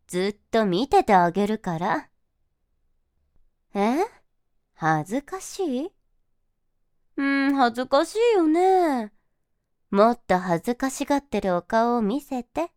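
A woman's voice: on the high side, smooth, no room sound, studio quality. A woman voicing a domineering, motherly figure in an audio role-play, who flips between sweet coddling and cold scorn. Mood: teasing. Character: teasing domineering motherly woman, mocking then soothing.

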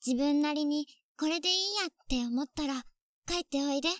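A woman's voice: sits high, fairly quick, no room sound, studio quality, natural voice. A woman voicing a clingy, possessive younger sister on a phone call, sweet at first and coldly jealous underneath. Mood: sweet doting. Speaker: voice actress in phone-call role-play. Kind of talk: phone-call role-play drama.

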